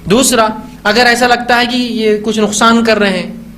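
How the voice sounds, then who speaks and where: A man's voice: very high-pitched, fairly even intonation, moderate pace, a bit bright, a little hiss or hum. A male Islamic preacher giving a conversational religious talk on parenting, often asking rhetorical questions and briefly acting out what parents say to children. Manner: acts out parents' voices when talking to children.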